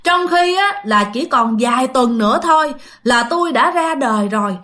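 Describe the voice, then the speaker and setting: A bitter ghost boy hurls accusations, as a woman storyteller puts him on. The voice is high and bright and swings widely, set in a spoken ghost story. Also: expressive, moderate pace. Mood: accusing. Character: vengeful ghost of a lost boy.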